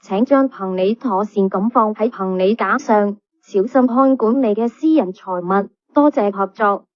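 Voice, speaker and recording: A woman reading calm, formal bus announcements played over a PA system. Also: medium pitch, unhurried. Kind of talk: scripted public announcement. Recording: dull lo-fi PA playback.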